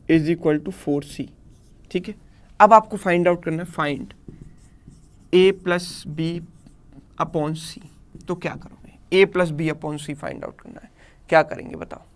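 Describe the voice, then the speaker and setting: A man's voice: fairly high pitch, takes it slowly, pauses often. Hindi-speaking male math teacher. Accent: Indian English. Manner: explains step by step, checks with students. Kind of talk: live online math class.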